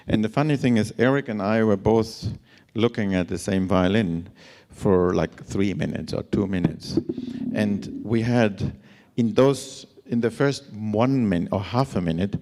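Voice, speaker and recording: This lecturer on instrument certification has a lowish, slightly mellow male voice, scratchy from extended travel. Addressing a conference in a lecture hall, he stumbles along hesitantly with plenty of fillers and false starts.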